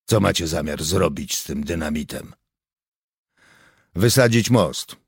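A man voicing a calm, self-assured male volunteer who speaks in a measured, diplomatic way. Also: very deep voice, vocal fry, breathy edge, no echo, clean studio sound, heavily acted.

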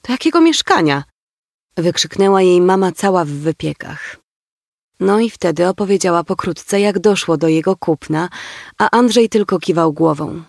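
A man narrating a novel in a steady storytelling manner. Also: high-pitched, normal speed, gravelly, dry recording, clean studio sound. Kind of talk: audiobook narration.

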